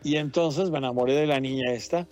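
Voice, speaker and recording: A man's voice: medium pitch, a little fast, darkish tone, soft background music. A man in his fifties, a journalist born in Mexico, telling his story in a casual interview, rambling and laughing often. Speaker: journalist guest. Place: Washington.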